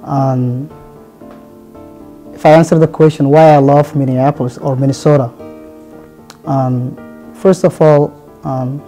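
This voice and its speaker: A man, a police officer, giving an interview testimonial in a halting way, with many pauses and fillers. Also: mid-range voice, fairly even intonation, warm tone, faint music behind. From Somalia.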